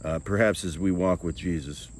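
A man's voice: low-pitched, normal speed, breathy edge. A man giving an earnest, reflective sermon-style talk as preacher and songwriter, often repeating words as he goes. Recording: music bed playing behind the voice.

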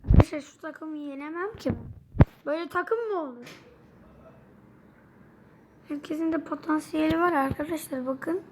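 Young woman with a Turkish accent, high voice, gaming commentary for her viewers, chatty and quick to get frustrated, noisy home recording. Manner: chatty, easily frustrated, addresses viewers constantly. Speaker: gaming channel host. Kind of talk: mobile game commentary.

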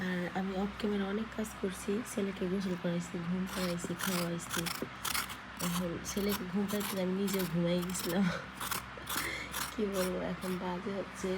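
A young Bangladeshi home vlogger with a hoarse, lowish voice chats casually with viewers, talking them through her cooking. She's in her home kitchen with the window open, and the loud frying and sizzling from the pan fills the recording.

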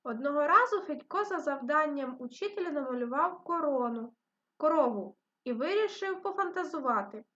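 A woman teaching a reading and phonics lesson to young children, speaking slowly and clearly with patient encouragement. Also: high voice, expressive, bright, forceful tone. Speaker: primary school teacher. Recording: dull lo-fi recording.

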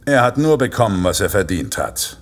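In a horror audio drama, a male actor plays a vengeful vigilante killer dressed as Santa, speaking with deliberate, self-righteous menace. His voice sits on the low side and is very animated, the mood grim and self-righteous.

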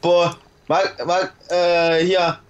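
Joking, teasing and laughing often, a young man chats casually with friends over an online game. He has a high voice with a level tone and speaks extremely slowly, and the audio has its highs cut off.

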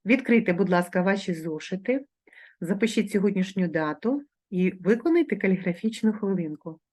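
Teaching a grammar lesson remotely to schoolchildren, a woman with a Ukrainian accent says sounds and example words slowly and with care. Her mid-range voice is expressive and a little mellow.

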